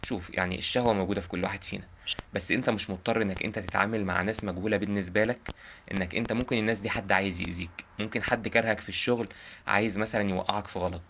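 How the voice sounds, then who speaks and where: A man's voice: lowish voice, fairly even intonation, racing, a bit bright, a little hiss or hum. A young man with an Egyptian accent giving earnest, informal advice on a live call. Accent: Egyptian Arabic. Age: young adult. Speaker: prank caller giving advice.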